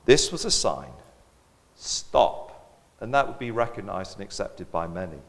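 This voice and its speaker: Animated preacher man in a reverberant hall. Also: fairly low pitch, a little fast. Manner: animated preaching, acts out imagined voices of the crowd. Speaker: pastor. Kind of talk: sermon. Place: church. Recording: long reverb of a church hall.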